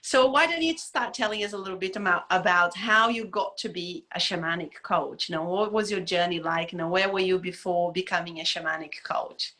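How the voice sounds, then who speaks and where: A woman's voice: on the low side, a little fast, few pauses, sharp tone. A woman hosting an interview, chatty and enthusiastic, with many fillers as she frames her questions. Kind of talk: casual interview.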